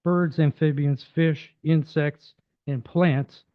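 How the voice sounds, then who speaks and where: A hoarse man speaks at a council delegation table, stumbling over fillers and restarts as he reads from prepared notes. The sound is tinny and phone-like with a dry, close feel. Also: on the high side, steady tone, takes it slowly, dry recording. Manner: hesitant, many fillers and restarts. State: losing his voice. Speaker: resident delegate addressing council. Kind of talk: formal public delegation, partly read aloud. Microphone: table microphone.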